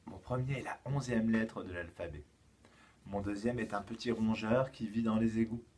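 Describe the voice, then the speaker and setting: A man with a French accent, a kindergarten teacher giving a slow, patient home-schooling lesson to young children. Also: on the low side, darkish tone.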